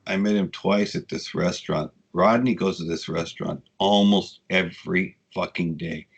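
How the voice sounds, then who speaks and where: A man in his sixties, a guest telling casual, rambling stories with frequent swearing, getting animated when he quotes people. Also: low-pitched, normal speed, creaky, slightly rough, lo-fi sound. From United States. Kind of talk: casual storytelling interview.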